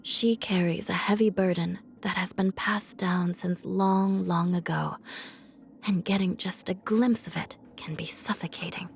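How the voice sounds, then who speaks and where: Hanya, a soft, weary underworld judge. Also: female voice, on the low side, steady tone, gravelly, slight background noise. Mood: solemn, measured. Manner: measured, pensive, formal. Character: gentle, weary, melancholy young woman judge of the underworld. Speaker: video game voice actor. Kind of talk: scripted game character voice lines.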